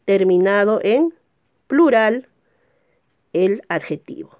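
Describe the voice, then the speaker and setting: A woman teacher giving a recorded grammar lesson. She asks rhetorical check questions, slows down to stress example words and jumps up in pitch at each new point. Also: lively intonation, a little mellow.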